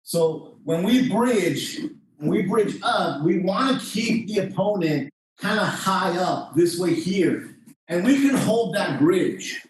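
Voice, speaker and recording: Male martial arts instructor, high-pitched voice, informal step-by-step demonstration, heard from a distance in a very reverberant room. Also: lively intonation, slow. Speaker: jiu-jitsu instructor. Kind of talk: hands-on class demonstration. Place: indoor training room. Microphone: distant camera microphone. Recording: distant mic, very echoey room, faint noise.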